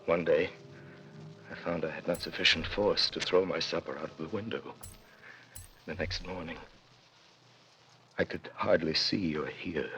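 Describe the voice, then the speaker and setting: Edmond Dantes, grave low-voiced prisoner. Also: male voice, a bit bright, dull audio. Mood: grave, despairing. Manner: grave, deliberate, intense. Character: anguished imprisoned man recounting his years in a dungeon. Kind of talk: classic radio drama acting, dramatic first-person narration. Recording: noisy old radio recording.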